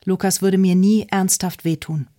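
A woman's voice: mid-range voice, fairly even intonation, moderate pace, dark tone, lightly acted. A woman reads the part of a frightened young mother who defensively sends her sister away. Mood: defensive tearful. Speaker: audiobook character.

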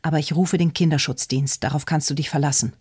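A woman's voice: low voice, fairly even intonation, fast, darkish tone, slightly rough. A woman voicing a desperate, pleading young woman. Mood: urgent pleading. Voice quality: urgent, pleading. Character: distraught young woman protecting her sister. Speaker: audiobook character.

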